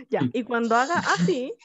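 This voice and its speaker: A Chilean woman teaching over a video call, her voice high and shrill. She talks slowly and keeps checking in with her class. The audio is dry and a little muffled. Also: breathy edge, dry recording. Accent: Chilean Spanish. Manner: lively, checks in often with the class. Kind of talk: online class lecture.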